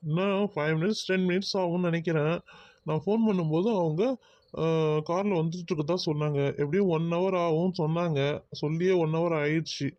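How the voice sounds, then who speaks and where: A man's voice: on the high side, fairly even intonation, brisk, darkish tone, no room sound, dull audio, lightly acted. A man voicing an exasperated young man who grumbles and sighs about being pushed into marriage in a cartoon. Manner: grumbling, sighing.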